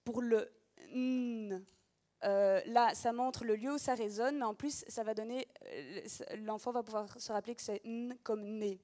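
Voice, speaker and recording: A woman's voice: fairly high pitch, moderate pace, few pauses, mellow. A woman teacher giving an explanatory demonstration of reading gestures, talking patiently with frequent hesitations.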